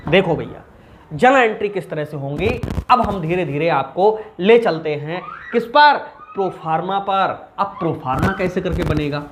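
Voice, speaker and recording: A man's voice: high-pitched, moderate pace, background noise. A man teaching commerce in an informal recorded lesson, asking questions and answering them himself. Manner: animated, asks and answers his own questions.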